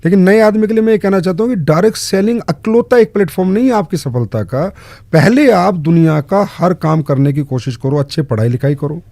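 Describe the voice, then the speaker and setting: A direct-selling guest answers interview questions earnestly, emphasizing points by listing short, repeated commands. His high voice is creaky and warm, fairly quick with lively intonation. There's no room sound.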